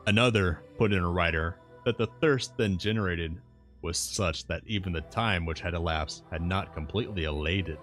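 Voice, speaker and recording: A man reading a classic novel aloud as a streamer, in audiobook-style narration with measured, deliberate phrasing. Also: low voice, fairly bright tone. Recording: music playing behind the voice. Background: background music.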